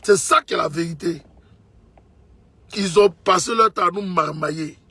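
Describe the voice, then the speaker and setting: The voice sits high, pushed, bright and slightly rough, moving at a moderate pace in a dry recording. It belongs to a political commentator from Côte d'Ivoire giving a fervent monologue, insisting on his points again and again and addressing the listener as his brother.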